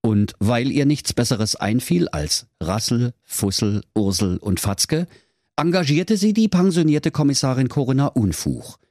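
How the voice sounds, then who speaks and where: A storyteller reading a comic fairy tale in a deadpan storybook manner. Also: mid-range voice, dry recording, studio quality.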